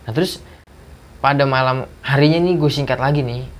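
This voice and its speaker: A man's voice: mid-range voice, normal speed. A man casually telling a personal ghost story, acting out the dialogue in a slangy way. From Jakarta. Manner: animated retelling with acted dialogue, slangy. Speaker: guest storyteller.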